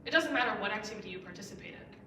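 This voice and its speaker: A woman's voice: mid-range voice, animated, very fast, noisy background. A young woman in her late teens, a student giving a persuasive speech from a school stage in an earnest way, pushing key words up with emphatic rises. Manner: earnest, with emphatic rising stresses. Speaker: student speaker. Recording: roomy echo, heard from some distance.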